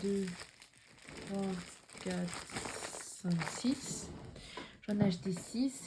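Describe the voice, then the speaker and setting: A young woman showing her cross-stitch patterns in a casual vlog, chatty and repeating herself, often dropping to a soft near-whisper. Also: mid-range voice, noisy background. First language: French. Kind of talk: casual show-and-tell vlog.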